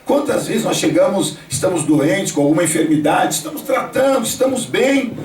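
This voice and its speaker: A man's voice: sits high, big pitch swings, normal speed, darkish tone. A man, preaching a sermon at a home worship gathering and speaking directly to his listeners. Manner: storytelling, addresses listeners directly. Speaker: pastor. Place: home, gathering of family and church members. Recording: echoey room, voice from a distance.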